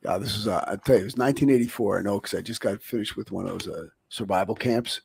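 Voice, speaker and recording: A man with a low, husky voice and a gravelly edge tells a story as a guest in a casual chat. He rambles and fills his pauses with "uh" and "right?", and the sound is dry. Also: darkish tone, dry recording. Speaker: guest, former bouncer and bodyguard.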